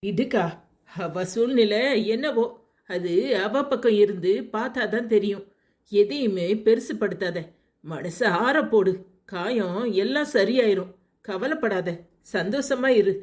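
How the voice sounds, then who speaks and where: A woman voicing a calm village woman in a cartoon who consoles and reasons with a friend in a Tirunelveli Tamil accent. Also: mid-range voice, unhurried, lightly acted. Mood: consoling. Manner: soothing, reasoning.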